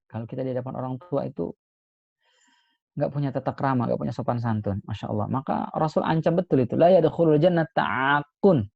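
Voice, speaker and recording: A male Islamic preacher giving a sermon, expressive, moving between emphatic points and soft, hushed asides. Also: medium pitch, gravelly, no room sound, lo-fi sound. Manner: expressive, swings between emphatic and soft hushed delivery, frequent pious exclamations.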